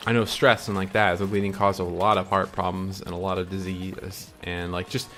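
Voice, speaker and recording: Chewing candy while he speaks, a young male vlogger delivers a loose, reflective monologue to camera about chasing his dreams, stumbling through ums and restarts. He talks briskly in a low, fairly bright voice that barely moves in pitch. Soft music plays underneath.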